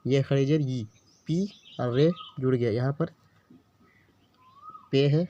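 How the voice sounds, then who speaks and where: A man with a mellow mid-range voice teaches a beginner Urdu lesson on a dull lo-fi recording. He patiently sounds out letters and words one by one, repeating each word and checking in with the learner often.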